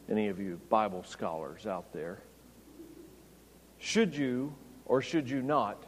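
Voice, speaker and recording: In a large hall, a pastor with a mid-range voice preaches a sermon, explaining scripture in an expository style. He raises his voice whenever he quotes a line.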